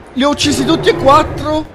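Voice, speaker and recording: A man giving excited gameplay commentary, yelping and laughing as he plays. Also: extremely high pitch, gravelly. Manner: excitable, yelps and laughs often. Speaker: gaming video host.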